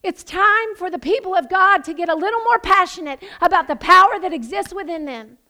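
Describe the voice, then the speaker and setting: A woman's voice: extremely high pitch, brisk, bright, forceful tone. A woman pastor preaching a sermon, passionate and building to emphatic proclamations.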